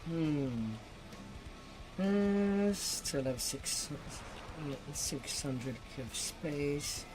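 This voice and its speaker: A man's voice: fairly high pitch, animated, very slow, over music, rough recording. A man giving casual, muttered commentary on his own gameplay. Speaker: gamer commentating on own play.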